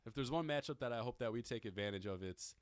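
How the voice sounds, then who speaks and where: A man's voice: mid-range voice, expressive, quick pace, no room sound, studio quality. A young man hosting a casual sports podcast, gloomy and mocking himself as a fan. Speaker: podcast host.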